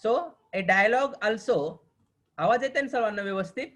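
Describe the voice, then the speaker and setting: A man with a Marathi accent teaching a programming class online, often pausing to ask whether the students understand and slowing down for the English definitions. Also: high voice, a bit bright. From Maharashtra, India. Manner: keeps checking if students understand; mixes slow dictated English with quicker explaining.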